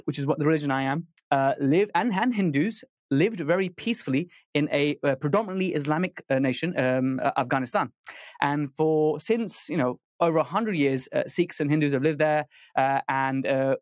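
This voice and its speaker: Brief: thirties man, slightly high voice, chatty podcast guest, dry close mic. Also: no echo. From United Kingdom. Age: 30s. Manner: fluent, many fillers and restarts. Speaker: dentist and podcast host, guest here. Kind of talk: casual podcast conversation.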